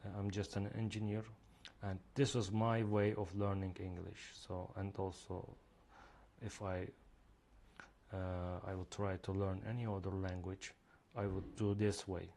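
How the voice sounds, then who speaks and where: The app's maker, a man whose native language is Turkish, guides viewers through his reading app on screen with a low, warm voice and level tone. He speaks a little slowly, haltingly, leaning on plenty of fillers.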